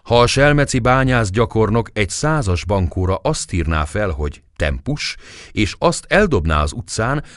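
Low-voiced expressive male storyteller. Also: no room sound, clean studio sound. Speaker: audiobook reader. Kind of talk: scripted narration of a classic novel.

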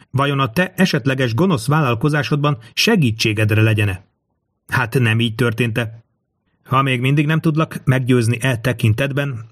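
A man voicing a calm, bold court astrologer who speaks in a solemn, measured way, in a dry close recording. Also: medium pitch, no echo, close to an everyday voice. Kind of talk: audiobook character reading.

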